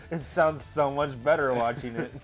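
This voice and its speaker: Teasing young man co-hosting a game. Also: mid-range voice. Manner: teasing, talkative, laughs often. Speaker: let's play co-host. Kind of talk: casual gaming chat. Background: game music.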